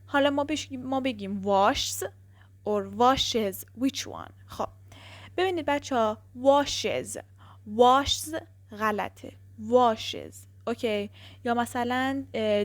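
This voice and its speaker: A woman teaching an English grammar lesson who explains step by step, checks in with the class and drills word pairs slowly. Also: a little high, no room sound.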